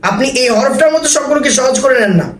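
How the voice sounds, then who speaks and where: A man with a very high voice gives a lesson on reading the Quran. He sounds out letters slowly and repeats them with patience, heard from a little way off the mic in a roomy, echoing space. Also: far from the mic. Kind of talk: recorded online lesson on letter pronunciation.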